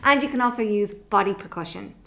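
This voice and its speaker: Brisk and animated, a middle-aged woman with a mid-range, fairly bright voice runs warm-ups in a children's theatre workshop video. She keeps her explanations simple and her tone encouraging. An echo fills the bare room at home where she recorded.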